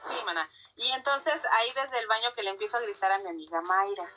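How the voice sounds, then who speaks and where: Brash Mexican woman, bright voice. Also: medium pitch, fast talker, soft background music. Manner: brash, slangy and comic, playing out scenes. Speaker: podcast co-host. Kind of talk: casual storytelling among friends.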